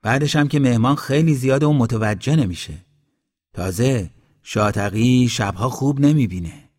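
A man's voice: medium pitch, a little mellow, natural voice. A man voicing a persuasive village messenger. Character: village man sent to fetch a musician. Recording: long hall reverb.

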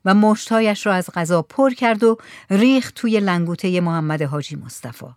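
A woman narrating a novel as an audiobook in a steady, even reading voice. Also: medium pitch, clean tone, no room sound, studio quality.

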